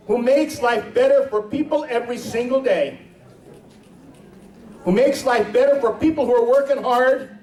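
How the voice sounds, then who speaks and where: A man's voice: high-pitched, darkish tone. A man giving a rousing speech to a political meeting, building his points through repetition. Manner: preacher-like repetition. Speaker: party chair giving a speech. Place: large hotel ballroom. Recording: echoey ballroom heard from far off.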